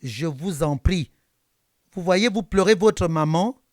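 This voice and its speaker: A man's voice: sits high, lively intonation, slow, no echo, clean studio sound. A man quoting a pleading mystery woman caller. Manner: pleading, insistent.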